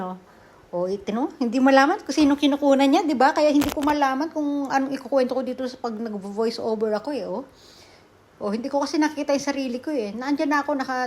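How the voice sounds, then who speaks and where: Chatty Filipino mom narrating a vlog. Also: female voice, on the high side, a little mellow, slight background noise. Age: middle-aged. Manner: chatty, laughing, repeats "o, di ba". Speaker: vlogger. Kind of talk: casual voice-over narration. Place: quiet room at night.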